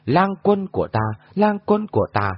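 A mysterious shape-shifting trickster, voiced by a male narrator throws others' words back with a mocking lilt. The high, loud taunts come across a husky, dull lo-fi recording. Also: sing-song, moderate pace, no echo, heavily acted. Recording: dull lo-fi audio.

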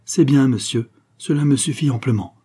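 A man's voice: mid-range voice, moderate pace, warm tone, husky, voice pushed up, natural voice. A man reading aloud, voicing a proud and indignant young noblewoman in a storybook. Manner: haughty, cold.

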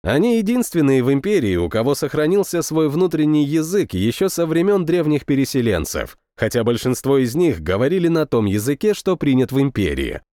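A male audiobook narrator with a somewhat high voice that rises and falls a great deal. He tells the story in a matter-of-fact way, recorded close and dry with no room sound. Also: big pitch swings, a little fast, few pauses, dark tone, dry recording. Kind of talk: first-person audiobook narration.

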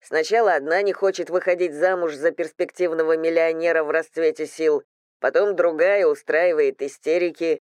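A woman's voice: deep voice, steady tone, a little mellow, clean tone, no echo, close to an everyday voice. A woman reading an audiobook, voicing a domineering rich fiancé who speaks curtly and rudely. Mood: blunt. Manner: curt, rude, slow and heavy.

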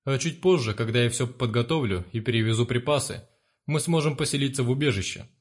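A man reading aloud, voicing a father in an everyday, low-key voice. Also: fast talker, close to an everyday voice. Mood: calm. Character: gentle father, then pleading for his family.

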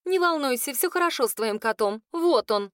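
Excitable young woman, read by a woman; eager, high delivery. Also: moderate pace, no room sound, studio quality. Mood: reassuring. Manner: eager, gasping.

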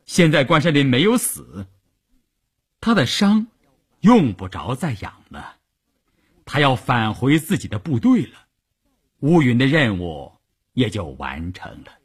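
A man reading a novel aloud as a storyteller, in a measured, expressive way. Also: medium pitch, breathy edge.

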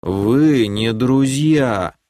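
A man voicing a simple-minded bald elf brother in an audiobook, who drawls his words slowly like a child. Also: mid-range voice, dark tone, no echo, studio quality. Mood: tattling. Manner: slow, drawn-out, childlike.

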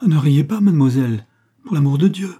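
Male narrator doing a high-strung aristocratic lady, agitated, dark and husky. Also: moderate pace, close to an everyday voice. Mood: distressed pleading. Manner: agitated, pleading. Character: English noblewoman, nervous and indignant.

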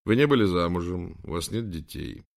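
A self-assured, charming prince from an audiobook, voiced by a male reader. He speaks low and calm, with measured confidence. The voice is quiet and even. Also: creaky.

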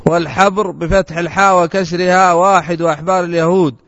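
A man reading a classical religious text aloud to a teacher in steady, formal recitation. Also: high voice, fast talker. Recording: dull recording with long hall reverb.

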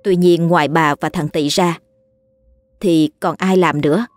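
A woman narrating a scripted ghost story with a steady storytelling delivery. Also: sits low, unhurried, no room sound.

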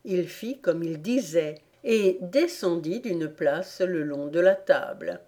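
A woman reads a classic tale aloud in a calm, measured way. Her voice sits fairly low for a woman and moves at an unhurried, deliberate pace. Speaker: audiobook reader. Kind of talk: audiobook narration.

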